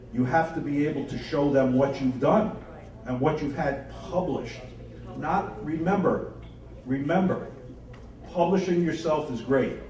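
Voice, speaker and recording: A man's voice: medium pitch, warm tone. Enthusiastic man speaking far off in a roomy hall. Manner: enthusiastic, emphatic, boastful-but-folksy. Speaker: author and seminar speaker. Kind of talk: seminar talk with audience questions. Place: seminar room with audience. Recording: roomy echo, distant from the mic.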